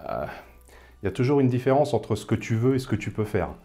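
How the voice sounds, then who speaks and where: A man's voice: medium pitch, sing-song, fast talker, mellow. A man in his thirties, from the Paris suburbs, talking casually as an interview guest, thoughtful, with many hesitations. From Paris suburbs, France. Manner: thoughtful, hesitant with frequent fillers.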